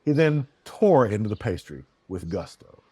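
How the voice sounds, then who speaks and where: A man narrating a fantasy story in a steady, descriptive way. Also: on the low side, moderate pace, husky, dry recording.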